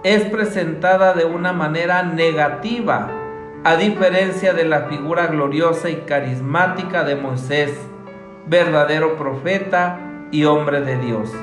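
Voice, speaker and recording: A man speaking as a priest, giving a solemn scripture reading and homily in a measured, formal way. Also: on the high side. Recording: echoey room, soft guitar music behind.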